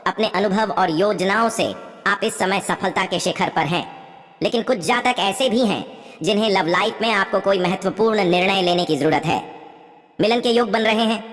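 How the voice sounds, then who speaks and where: A woman reading a scripted horoscope in a steady way, often calling the listeners her friends. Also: medium pitch, big-room sound. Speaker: horoscope presenter.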